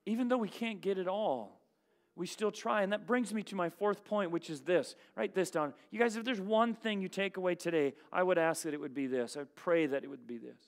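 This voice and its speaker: A man preaching a sermon to his congregation as pastor. He asks rhetorical questions and swings between loud emphasis and hushed asides. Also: sits high, fairly quick. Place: church.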